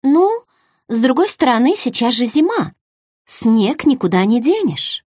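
Brief: woman narrator voicing a hesitant young bride in a storybook, drawling, bright and lively. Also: sits high, a little slow, slightly rough, dry recording, studio quality, voice pushed up, full character voice.

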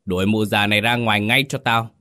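A ruthless old village official gives his orders in an icy, commanding tone, as a narrator puts him on. His voice is deep and cold in this ghost-story reading. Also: steady tone, fast, bright, forceful tone.

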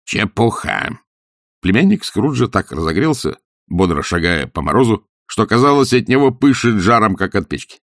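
An audiobook narrator with a lowish voice tells a story expressively at a moderate pace. The scripted narration has clean studio sound with no room sound.

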